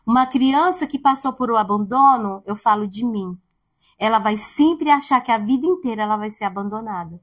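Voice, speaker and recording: Husky-voiced woman preaching. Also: a little high, normal speed. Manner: heartfelt, conversational, speaks softly at tender moments. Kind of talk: sermon. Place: church.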